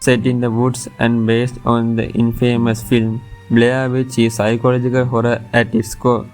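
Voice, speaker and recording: A man's voice: mid-range voice, monotone, normal speed, a little mellow. A man reading a scripted top ten countdown as its narrator, with music playing behind him. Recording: music under the voice.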